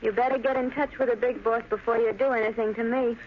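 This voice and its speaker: A woman's voice: fairly high pitch, fairly even intonation, quick pace, close to an everyday voice. Woman acting a defiant young heroine, old muffled recording. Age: young adult. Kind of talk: 1930s radio melodrama acting. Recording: dull, noisy old radio recording.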